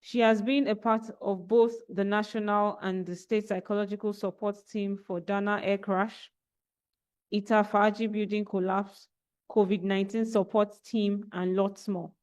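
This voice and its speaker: A woman with a Nigerian accent, a barrister, reading a guest speaker's biography aloud in a steady, formal manner on a video call mic. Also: medium pitch, normal speed.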